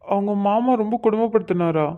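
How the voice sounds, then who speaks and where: A man's voice: high-pitched, brisk, close to an everyday voice. A man voicing a curious young man in a cartoon, asking question after question. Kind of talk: Tamil cartoon voice acting. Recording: dull lo-fi audio.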